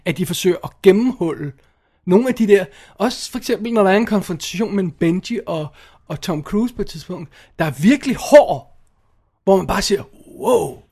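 High-voiced, opinionated man ranting casually. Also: vocal fry. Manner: animated, opinionated, swears and laughs often, many restarts. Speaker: podcast co-host reviewing films. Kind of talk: casual chat.

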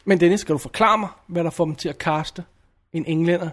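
Man, high voice, blunt film reviewer, casual chat, opinionated, restarts sentences. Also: steady tone.

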